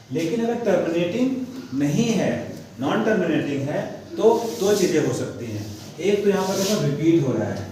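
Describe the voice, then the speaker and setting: A man's voice: on the high side, dark tone. A man teaching a maths lesson, asking the class questions and then answering them himself. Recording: echoey room, mic far off, faint noise.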